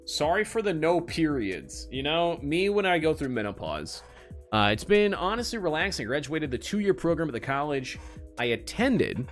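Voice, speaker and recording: Animated guy streaming. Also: a little high, moderate pace, faint music behind. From United States. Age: late 20s. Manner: rambling, self-mocking joking. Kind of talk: casual chat while gaming.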